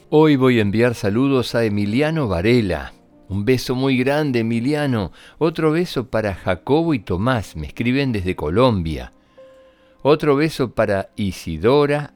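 A man's voice: medium pitch, darkish tone. A man hosting a children's story programme, speaking expressively to young listeners as he reads scripted tales. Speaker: children's storyteller and show host. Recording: roomy echo, music behind.

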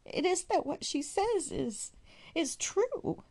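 A woman's voice: lowish voice, expressive, normal speed, warm tone. A woman voicing a proud, touchy young married woman who speaks defensively and with emotion. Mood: tearful.

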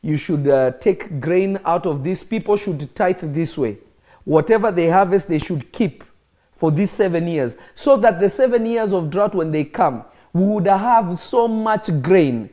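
A little slow and mellow, yet animated, this high male voice belongs to a Kenyan preacher teaching on a live stream. He addresses people online emphatically, leaning on repeated phrases to make his points.

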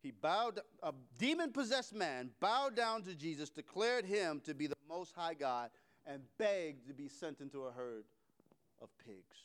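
Male preacher, high and animated pitch, dramatic loud-to-hushed swings, repetitive rhetorical cadence. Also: unhurried. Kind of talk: sermon.

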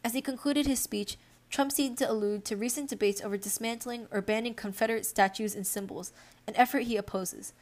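A woman's voice: fairly high pitch, fairly even intonation, brisk. Young woman hosting a news-reading podcast. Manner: unscripted asides with fillers between read passages. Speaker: podcast host. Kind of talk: reading news articles aloud with commentary.

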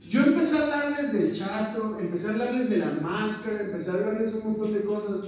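A man's voice: sits high, fairly quick. A man, a youth pastor preaching a sermon and telling personal stories, acting out the voices of people in them. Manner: storytelling, acts out quoted voices. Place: church hall. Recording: echoey room from far off, faint noise.

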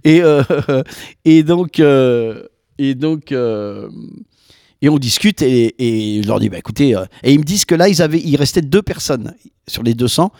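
A man, a voice actor guest, telling anecdotes in a casual chat with lively, rambling delivery full of restarts and mimicked quotes. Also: mid-range voice, moderate pace, no room sound, clean studio sound. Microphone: podcast microphone.

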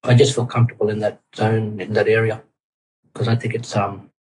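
Middle-aged man, cultural guide as interview guest; thoughtful, halting delivery with frequent fillers. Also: fairly low pitch, little pitch movement, darkish tone, slight background noise, rough recording. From Australia, Torres Strait Islands. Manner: halting, many ums and restarts. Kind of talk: casual interview answers.

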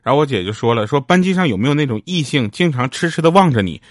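A man's voice: mid-range voice, animated, fast, dry recording, clean studio sound. A man telling a string of short funny anecdotes in a chatty way, often laughing at his own punchlines. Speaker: comedic storyteller. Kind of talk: comedic storytelling monologue.

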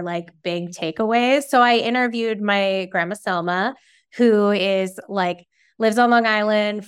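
A woman's voice: medium pitch, clean tone. A woman hosting a podcast, chatty and curious, asking questions in a casual style with lots of "like"s. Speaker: podcast host.

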